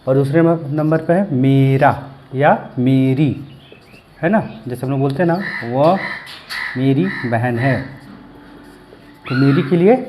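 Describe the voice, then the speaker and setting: A man giving a language lesson, slowly repeating each word and asking and answering his own questions. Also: mid-range voice, warm tone, slight background noise. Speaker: language teacher.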